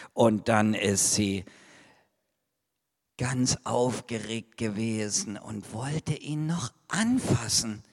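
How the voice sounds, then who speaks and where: Man telling a slow, dramatic Bible story. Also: medium pitch, in a large hall. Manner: dramatic, swinging between loud calls and hushed whispers. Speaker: preacher. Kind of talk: children's sermon storytelling.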